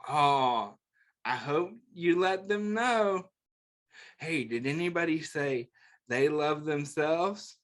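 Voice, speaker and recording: Reading a picture book to children at story time, this man speaks slowly with a higher pitch, lively intonation and a fairly bright tone. His asides and questions are simple and encouraging, pitched to teach very young listeners.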